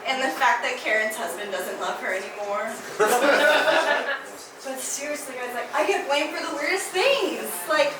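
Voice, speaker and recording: A woman's voice: high voice, expressive. A female stand-up comedian doing a sarcastic set in a small comedy club. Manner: sarcastic, drawn-out delivery. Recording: echoey room from far off, crowd noise.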